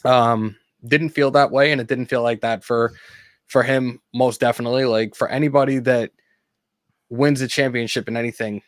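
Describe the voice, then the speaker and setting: A man's voice: mid-range voice, normal speed, no echo. Ranting sports podcast man, dry mic. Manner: animated, ranting, laughs easily. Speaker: podcast co-host. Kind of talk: casual sports chat.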